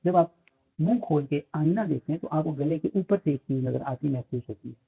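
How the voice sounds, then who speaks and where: Teaching phonetics, this man speaks with a Pakistani accent, mixing in English terminology, leaning on fillers, and slowly reading English lines. The voice is slightly high, husky, with vocal fry, and the sound is tinny as if through a phone.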